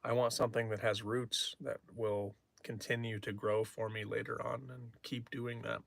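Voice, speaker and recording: Young male streamer, bright gravelly tone, candid, musing, loose delivery. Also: mid-range voice, flat delivery, moderate pace, no echo. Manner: candid, reflective, trailing restarts. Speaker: poetry livestreamer. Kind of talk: casual livestream chat.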